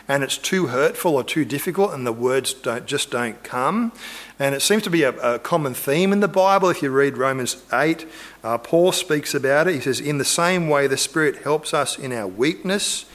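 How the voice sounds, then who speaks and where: A man's voice: a little high, lively intonation, moderate pace, fairly bright tone. A man preaching a conversational sermon, earnest, acting out quotes and imagined lines. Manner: earnest, acts out biblical quotes and imagined dialogue.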